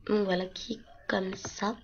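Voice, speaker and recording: A young woman with a hoarse voice, chatting casually and rambling with many fillers as she walks through her game accounts on a screen recording. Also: mid-range voice, flat delivery, unhurried. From France. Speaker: gaming vlogger. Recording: lo-fi computer mic with faint noise.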